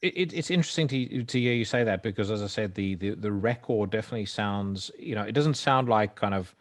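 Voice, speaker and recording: A man's voice: on the low side, brisk. A man in his forties hosting a podcast interview, casual and stammering, often repeating words. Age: 40s. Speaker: podcast host.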